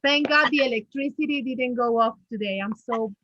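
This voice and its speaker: A woman's voice: fairly high pitch, moderate pace, no room sound, lo-fi sound. Venezuelan woman on a video call. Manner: warm, grateful, talks with fillers and restarts. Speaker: webinar presenter. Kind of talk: casual online chat.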